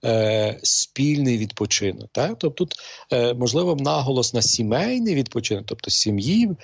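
A middle-aged man, a priest, talking slowly and hesitantly with many pauses and fillers. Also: mid-range voice, big pitch swings, creaky, slightly rough, no room sound, highs cut off. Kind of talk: calm talk show conversation.

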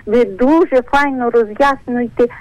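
A woman's voice: fairly high pitch, a little slow, highs cut off. An older woman calling in to a radio show by phone and speaking in a heartfelt, grateful way. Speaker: caller. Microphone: telephone.

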